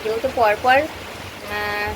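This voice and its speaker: A woman's voice: medium pitch, steady tone, takes it slowly, noisy background. A housewife vlogging from home, chatting casually and straight to her viewers while recording on a handheld phone. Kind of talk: casual vlog chat to viewers. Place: at home, indoors.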